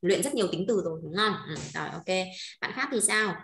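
A woman's voice: on the low side, animated, gravelly, a bit bright. A woman with a Northern Vietnamese accent teaching a language class, patiently checking in with her students. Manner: patient, keeps checking with quick questions. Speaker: Chinese teacher. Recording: roomy echo.

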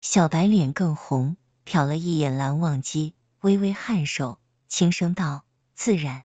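A woman storyteller reading a scripted story aloud in a steady, even way. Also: sits low, a little slow, no echo.

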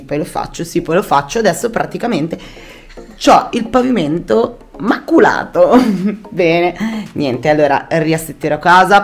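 Italian woman in her thirties, lowish voice, casual vlog to a handheld camera, chatty and self-mocking, faint music behind. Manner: chatty, animated, self-mocking, with sudden exclamations. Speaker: vlogger. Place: home rooms, a car, a bathroom. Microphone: handheld camera or phone at arm's length.

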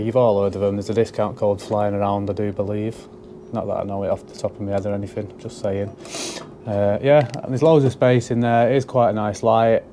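A young electrician with a warm, mellow voice talks loosely into his camera while fitting things indoors. He rambles, cracks small jokes at his own expense, and keeps it casual, with a faint background hum in the room. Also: medium pitch. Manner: chatty, self-mocking, rambling asides. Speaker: electrician vlogger. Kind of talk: casual commentary while working. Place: indoors at a house job. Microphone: handheld camera mic.

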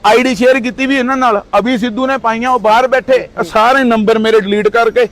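A man's voice: very high voice, steady tone, a little fast, fairly bright tone. A man in his thirties from Punjab, India, speaking in a heated street interview with indignant, accusing outbursts.

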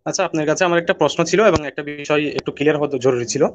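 A man's voice: on the high side, very fast, slight background noise. A man calling in to a live stream and asking a question, his call breaking up and cutting out. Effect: call breaking up and dropping out.

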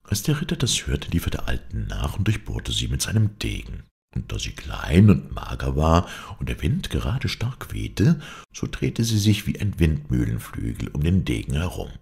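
A man reading a fairy tale aloud, expressive and dramatic. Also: rumbling low, moderate pace, vocal fry. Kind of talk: storybook narration.

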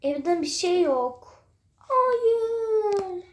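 A woman's voice: high-pitched, normal speed, mellow. A woman narrating and acting out a playful doll play, bossy and teasing. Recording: echoey room.

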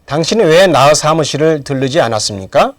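A man's voice: a little high, expressive, fairly quick, dry recording. A middle-aged man teaching English grammar in a lecture, asking questions and then answering them himself. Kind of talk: lecture with drills.

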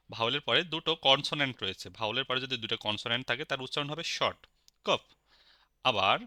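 Bengali-accented guy teaching a lesson, super bright tone, dry sound, patient and repeats words. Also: mid-range voice, dry recording. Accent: Bangladeshi Bengali. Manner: patient, repeats each word slowly. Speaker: language teacher. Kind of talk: spoken language lesson.

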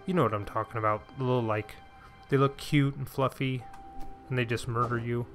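A man at a desk mic chats through his gameplay, muttering to himself and coaxing his in-game pet. His voice sits at an ordinary middle pitch, with faint game music playing underneath. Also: steady tone, brisk. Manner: chatty, talks to himself and his game pet, frustrated sighs. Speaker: let's play gamer. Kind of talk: casual gameplay commentary.

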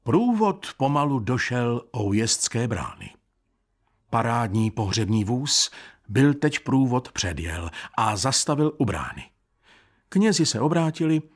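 A man narrating a classic short story as an audiobook in an expressive, storytelling manner. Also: medium pitch, slightly rough.

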